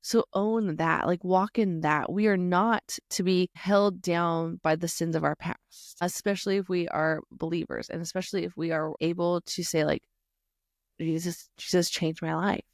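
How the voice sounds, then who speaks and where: Chatty woman with a low voice. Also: normal speed, few pauses, no room sound, clean studio sound. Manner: chatty and animated, lots of "like" and self-talk asides. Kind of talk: casual faith talk to moms.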